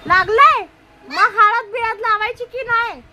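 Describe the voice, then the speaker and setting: A woman's voice: very high voice, a little slow, noisy background. A woman with a Marathi accent playing an aunt in a family comedy sketch, scolding and arguing sharply.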